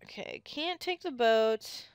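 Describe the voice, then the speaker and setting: A woman giving chatty, excitable commentary on her own gameplay into a close mic, with sudden squeals when something catches her eye. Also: fairly high pitch, slow, clear, resonant tone, no echo. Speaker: let's play gamer.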